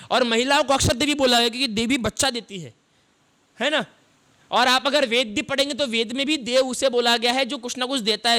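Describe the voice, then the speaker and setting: Pitched extremely high, his voice pushed and bright, a man gives a sermon as a Buddhist monk. He raises questions for his listeners, answers them himself, and breaks down what words mean step by step.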